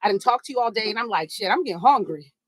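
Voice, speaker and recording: A woman telling a funny story in a sassy, animated way, talking to listeners as girl and baby while she walks on a treadmill. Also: mid-range voice, rapid-fire, no echo. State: walking on a treadmill. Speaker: podcast host. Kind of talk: casual storytelling while walking. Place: home treadmill, indoors.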